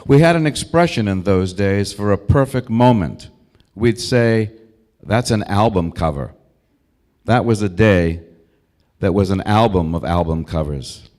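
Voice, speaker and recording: A man in his sixties with an American accent delivers a prepared eulogy. His voice sits a little low. He tells his memories reflectively, in short, deliberate phrases. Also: animated, darkish tone. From Brookline, Massachusetts, United States. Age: 60s. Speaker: eulogist, old school friend of the deceased.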